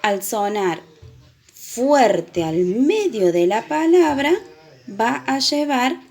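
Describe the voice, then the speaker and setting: A woman teaching children the sounds of a letter, explaining patiently and repeating example words slowly. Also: a little high, big pitch swings, a little mellow, faint music behind. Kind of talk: children's reading lesson.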